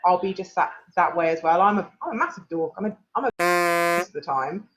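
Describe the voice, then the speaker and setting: A woman with an English accent, a guest in a casual interview, telling animated stories and acting out what people said. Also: fairly low pitch, brisk, low-quality recording. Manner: animated storyteller, laughs often, acts out quotes.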